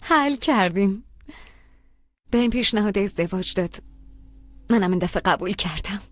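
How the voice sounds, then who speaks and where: A woman's voice: mid-range voice, expressive, no room sound, lightly acted. An actress playing an earnest young woman who defends her engagement to her parents in a dubbed TV drama. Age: young adult. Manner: pleading and earnest. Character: young woman in love, defying her mother. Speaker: daughter.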